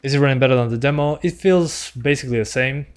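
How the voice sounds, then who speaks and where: A man's voice: medium pitch, fast, clear, resonant tone. A man doing casual gameplay commentary as a streamer, chatting with his viewers as he plays. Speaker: game streamer.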